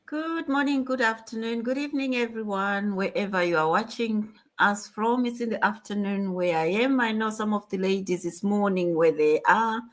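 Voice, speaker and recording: Calm woman from Zimbabwe on a panel. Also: mid-range voice, normal speed, hardly any pauses. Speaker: panel guest. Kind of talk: live online panel chat.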